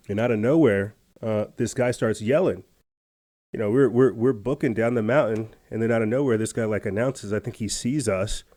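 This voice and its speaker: Rambling, low-voiced male podcast host. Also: a little mellow. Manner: rambling, chatty, with many fillers and restarts. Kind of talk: casual storytelling monologue.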